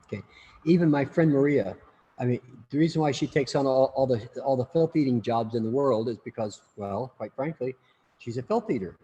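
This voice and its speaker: A man's voice: medium pitch, a little fast, mellow, muffled recording. A man teaching an online class in a casual, joking, rambling way, often repeating words, over a video call. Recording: long reverb, faint room noise.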